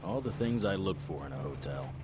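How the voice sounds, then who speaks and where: Background noise runs behind this brisk, low male voice with lively intonation. He plays a wisecracking middle-aged monster hunter, the vampire hunter narrating an audio drama. His manner is wry, sardonic and matter-of-fact.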